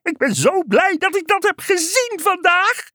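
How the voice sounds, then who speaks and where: A woman's voice: high-pitched, huge pitch swings, unhurried, a bit bright, dry recording, studio quality, pitched above the performer's own voice, exaggerated voice. A woman voicing a cheerful male frog in a children's story, squealing and exuberant. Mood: overjoyed. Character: overjoyed cheerful male frog, always happy. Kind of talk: storybook character voice.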